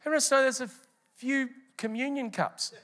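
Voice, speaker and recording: A man's voice: very high voice, steady tone, moderate pace, fairly bright tone, slight background noise. A man preaching a sermon as pastor, emphatic and repeating phrases for rhythm.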